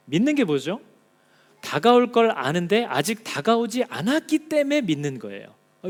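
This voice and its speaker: A male pastor preaching a Sunday sermon in a church, acting out God's words in lively direct speech. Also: sits high, long reverb tail. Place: church in Auckland.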